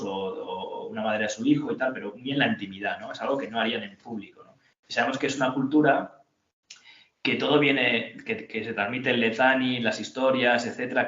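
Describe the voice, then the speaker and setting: A man's voice: lowish voice, a bit bright. Rambling man in a roomy lo-fi room. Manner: rambling, reads quotes aloud, many fillers. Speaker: podcast host. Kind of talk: casual literary discussion. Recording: roomy, dull lo-fi sound.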